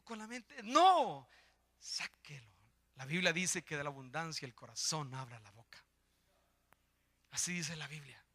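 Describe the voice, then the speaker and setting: An older man preaching a sermon in a church, swinging from hushed pleading to impassioned shouting. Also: fairly high pitch. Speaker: lay preacher.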